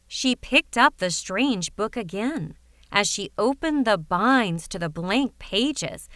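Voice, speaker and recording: A woman narrating a fairytale audiobook in a measured, even way. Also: medium pitch, clear, resonant tone, no echo, clean studio sound. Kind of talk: scripted storybook narration.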